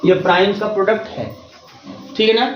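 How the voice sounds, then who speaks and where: Man, math teacher, high-pitched, reassuring classroom lecture, roomy echo, dull sound. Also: fairly even intonation, brisk, slight background noise. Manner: reassuring, repeats checks like "theek hai na". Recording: roomy, distant, dull recording.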